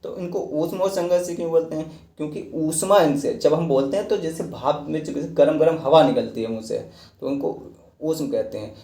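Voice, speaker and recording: A man's voice: fairly high pitch, a little fast, warm tone. Man teaching in an echoey room. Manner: explains step by step, repeats points, asks and answers his own questions. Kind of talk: classroom lecture.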